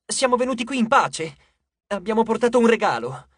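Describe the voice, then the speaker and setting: A man's voice: extremely high pitch, sing-song, brisk, a bit bright, no echo, clean studio sound, voice pushed up, full character voice. A man voicing an anxious young male demigod who pleads urgently, in an audiobook character reading. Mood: pleading.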